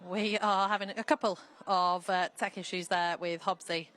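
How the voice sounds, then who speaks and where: Female live sports presenter, bright crisp-edged tone, casual and jokey, easily amused. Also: fairly low pitch, steady tone, slight background noise, low-quality recording. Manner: jokey, quick to laugh.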